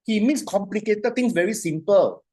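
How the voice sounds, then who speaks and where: A man lecturing a class on coaching in an animated, repetitive way. He keeps checking in with the students and slows right down when he dictates a phrase. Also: sits high, husky. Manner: animated, repetitive, asks "you see?" often.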